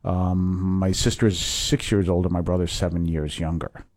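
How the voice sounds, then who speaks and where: Older male priest, low reflective voice. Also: level tone, moderate pace, a little mellow, dry recording, clean studio sound. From Massachusetts. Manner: reflective, hesitant with fillers. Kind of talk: conversational interview.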